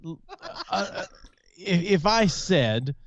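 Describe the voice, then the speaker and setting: A man's voice: high-pitched, lively intonation, extremely slow, a little hiss or hum. A man rambling and arguing his point in casual podcast banter after some drinking. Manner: defensive, rambling, tipsy.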